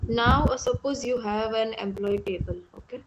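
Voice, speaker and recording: A woman's voice: on the high side, moderate pace. A woman interviewing a job candidate over a video call, asking technical questions in a hesitant way with frequent "uh" and repeated "okay". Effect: voice heard over a video call. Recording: muffled lo-fi call audio with loud noise.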